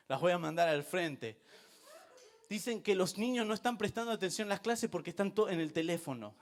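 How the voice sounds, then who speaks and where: High-voiced preaching man. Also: normal speed, long pauses. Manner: animated, emphatic preaching that rises to shouting. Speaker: pastor. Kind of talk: sermon. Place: church.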